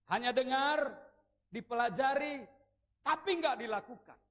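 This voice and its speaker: A man preaching a sermon at a church service, animated and joking, leading the congregation in repeating phrases. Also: extremely high pitch, unhurried.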